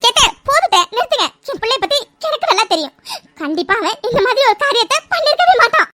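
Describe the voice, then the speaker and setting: A protective cartoon mother who stands firm for her son, speaking in a high, quick voice with a defensive edge, as a woman puts her on. A faint hiss runs under it. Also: sing-song.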